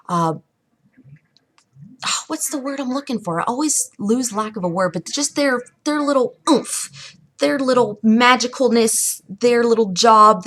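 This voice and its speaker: A woman's voice: on the high side, fairly bright tone. A woman vlogging from home at her computer desk, giving casual how-to tips in a rambling, chatty way with lots of fillers and restarts. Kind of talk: casual how-to talk to camera. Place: indoors at home. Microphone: camera mic at a computer desk.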